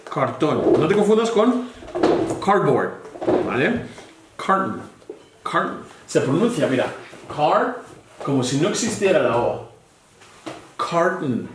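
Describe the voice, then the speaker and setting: Pausing often at a measured pace, a man with a slightly high, very animated voice teaches a child English vocabulary. The patient one-on-one lesson mixes English and Spanish, with words spelled out letter by letter, in an echoey room with some background noise.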